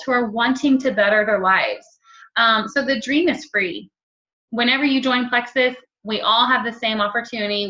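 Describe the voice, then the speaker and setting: Fast-talking bright woman, motivational chat. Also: medium pitch. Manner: quick, chatty, many ums and you-knows. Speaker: network marketing team leader. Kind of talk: casual motivational talk to camera. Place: home. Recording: dull lo-fi home recording.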